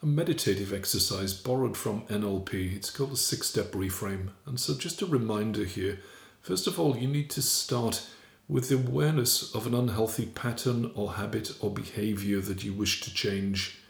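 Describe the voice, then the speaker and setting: A man guiding a meditation as an instructor, speaking in a soothing, measured and deliberate way. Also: on the low side, gravelly. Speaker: meditation guide. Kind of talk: guided meditation, NLP reframe instruction. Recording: roomy, echoing voice recording.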